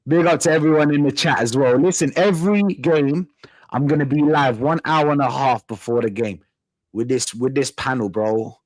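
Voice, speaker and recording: A man's voice: medium pitch, normal speed, no room sound, low-quality recording. A man hosts a football fan stream in a London roadman accent. His talk is casual banter full of street slang, with phrases repeated for emphasis. The sound is dry and close, with little room around the voice.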